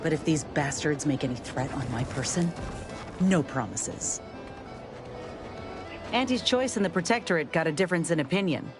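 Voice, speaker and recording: A low-voiced, tough folksy fighter. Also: female voice, animated, moderate pace, long pauses. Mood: defiant, wry. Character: tough, folksy female companion soldier itching to fight. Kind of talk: video game dialogue. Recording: music behind the voice.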